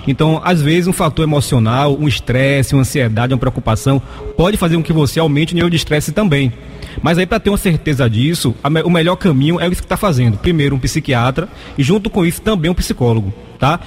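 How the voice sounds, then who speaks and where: A man's voice: a little high, lively intonation, fast. A Brazilian man giving explanatory health advice as an expert guest, didactic and often checking in with short tags. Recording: echoey room, music behind. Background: music.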